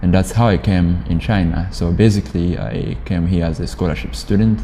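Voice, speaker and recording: A young man from Rwanda with a low, mellow voice answers interview questions in a halting way, pausing often to search for words. The recording has a long, hall-like reverb and a faint noise underneath. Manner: halting, with frequent pauses and fillers. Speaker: university student interviewee.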